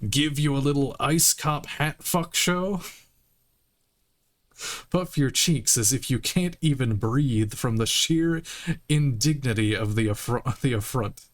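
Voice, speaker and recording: A man's voice: medium pitch, slow pace. A man streaming a game playthrough, reading the dialogue aloud in a playful, laughing, mock-indignant way.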